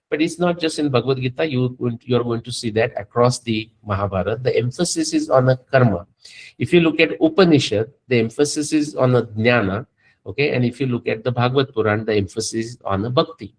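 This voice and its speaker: A man's voice: mid-range voice, poor audio. Male lecturer, mid-range voice, talky spiritual explainer, filler-heavy. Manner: explanatory, frequent fillers and restarts.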